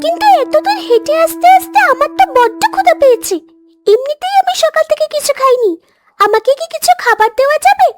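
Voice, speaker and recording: A woman voicing Tinu, a small hungry duckling who asks politely for food in a squeaky, childlike way. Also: lively intonation, faint music behind. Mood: pleading. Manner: fast, squeaky childlike pleading.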